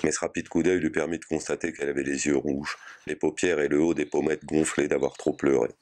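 A man reading a short story aloud in a measured, sober way. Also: a bass voice, little pitch movement, a little mellow. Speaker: reader.

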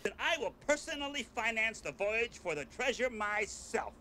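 A man's voice: high voice, big pitch swings, normal speed. A man voicing a cheerful, dim-witted rich bear squire, earnest and goofy. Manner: earnest, goofy, soft-spoken. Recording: film audio with loud noise.

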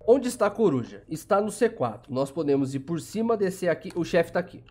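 A man's voice: on the high side, brisk. Chatty Brazilian man voicing gameplay. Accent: Brazilian Portuguese. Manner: chatty, talks to viewers, sudden excited outbursts. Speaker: gameplay channel host. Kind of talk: let's play commentary.

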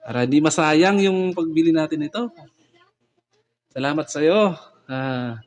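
Man vlogger, slow chatty talk, condenser mic, casual. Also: on the high side, expressive. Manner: chatty, giggly, trying out gear. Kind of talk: casual vlog chat. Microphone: condenser microphone.

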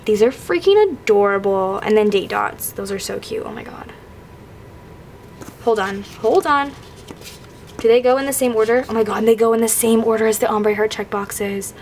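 With a slightly high, slightly mellow voice and some background noise, a twenty-something woman shows off planner stickers indoors at a tabletop, with only her hands visible from an overhead camera. Her voice is fading as she recovers from illness, yet she gushes with quick, filler-packed enthusiasm.

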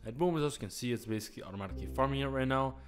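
A man's voice: medium pitch, very fast. Upbeat young man with constant "guys". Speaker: channel host. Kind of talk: casual screen-recorded game tutorial.

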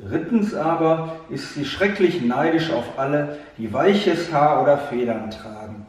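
Man reading a kids' fairy tale, gentle, slow, slightly high voice, far from the mic. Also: lively intonation. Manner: gentle, addresses the listener directly. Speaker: storyteller. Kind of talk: fairy tale read to a child. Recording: echoey room, distant mic.

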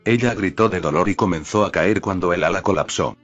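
Brief: a low-voiced male narrator reading fan fiction steadily over faint background music. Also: brisk, fairly bright tone. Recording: dull lo-fi audio with faint music.

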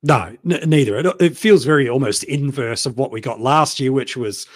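A man's voice: mid-range voice, normal speed. A man in a casual panel chat, talking easily with ums and plugging the channel. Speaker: fantasy football panelist.

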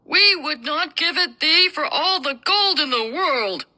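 A woman's voice: high-pitched, lively intonation, unhurried, pushed and bright, pitched above the performer's own voice, exaggerated voice. A woman voicing a firm, protective elder dwarf in a storybook reading. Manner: firm refusal.

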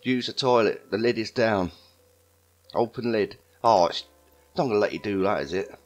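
A man's voice: lowish voice, moderate pace. A man giving wry, joking commentary while playing a video game. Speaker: gaming YouTuber. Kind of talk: let's play commentary. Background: game music.

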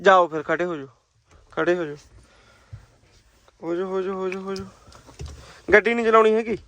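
A man's voice: high voice, steady tone, moderate pace, a bit bright. A man from Punjab, India, chatting casually to his vlog viewers from inside a car and coaxing a small child to talk. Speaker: vlogger.

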